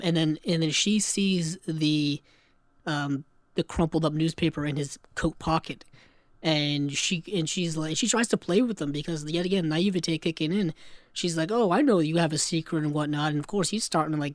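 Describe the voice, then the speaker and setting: A man co-hosting a casual film podcast, retelling scenes with lively put-on voices. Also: fairly high pitch, no echo. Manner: animated, acts out scenes in quick put-on voices. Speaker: podcast co-host.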